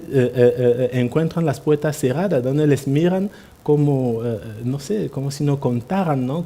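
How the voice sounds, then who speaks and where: A man's voice: mid-range voice, warm tone. A man speaking at a party assembly, telling anecdotes in a hesitant way, with many tag questions and restarts. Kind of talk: anecdotal public speech. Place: assembly hall.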